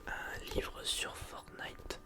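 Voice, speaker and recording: Someone doing a whispered role-play as a polite librarian, hushed library whisper, bit hesitant, explains stuff to a borrower. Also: extremely slow. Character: polite, attentive, gently chiding public librarian serving a borrower. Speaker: ASMR performer playing a librarian.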